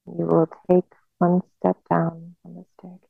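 A woman guiding a hypnosis relaxation in a slow, soothing hypnotist manner with long pauses, on a narrow phone-like recording. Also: on the low side, monotone, creaky, breathy edge, no room sound, soft background music.

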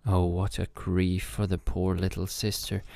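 A man reading a fairy tale aloud as a bedtime story, calm and measured. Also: sits low, gravelly, no echo.

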